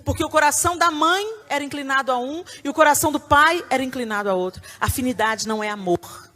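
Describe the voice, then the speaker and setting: A middle-aged woman with a Brazilian Portuguese accent, preaching to a conference audience with emphatic, animated delivery and sudden loud bursts. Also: sits high, quick pace. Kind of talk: sermon. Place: conference hall before a live audience.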